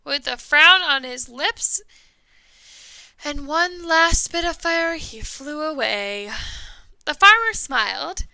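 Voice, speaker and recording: A woman's voice: sits high, animated, slow, vocal fry, pushed and bright, no room sound, poor audio. A woman music teacher reading a story to young children with lots of expression, singing the refrain and asking them questions.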